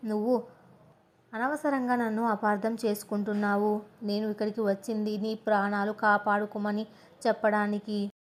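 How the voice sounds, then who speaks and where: A woman's voice: mid-range voice, level tone, normal speed, lightly acted. A woman voicing a proud, wealthy young woman who pleads tearfully with a trembling voice, in an audio story. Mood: pleading.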